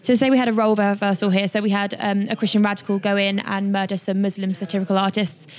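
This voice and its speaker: A young woman presenting a student show and asking interview questions in an even, scripted way. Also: medium pitch, quick pace.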